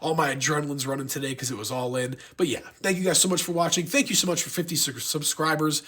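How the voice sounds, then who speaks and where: A man's voice: fairly high pitch, fairly even intonation, fast, fairly bright tone. A man with a stuffy, blocked nose from being sick, giving a casual unboxing review in a rambling, gushing fan manner. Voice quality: congested, stuffy-nosed. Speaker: YouTube toy collector and reviewer.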